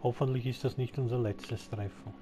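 A man's voice: mid-range voice, steady tone, moderate pace. A man giving casual let's play commentary, answering the game characters as he plays. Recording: background game noise. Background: game sound.

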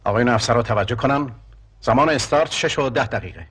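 A brisk fighter pilot leader. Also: male voice, medium pitch, fairly bright tone, husky. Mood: commanding. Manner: clipped radio calls, commanding. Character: brisk male fighter pilot leading a squadron. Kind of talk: 1980s war film acting.

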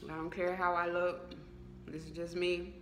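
A woman's voice: lowish voice, flat delivery, normal speed, a bit bright, roomy sound, a little hiss or hum. A woman giving a candid update vlog, hesitant with many fillers and eating while she talks. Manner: eating and chewing while talking. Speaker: vlogger.

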